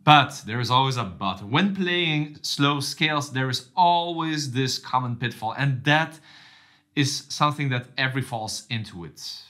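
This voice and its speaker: A man teaching a cello lesson, speaking directly and warmly to viewers, calling them his friends, with slightly unusual English phrasing. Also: mid-range voice, animated, a little slow. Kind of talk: instructional video lesson.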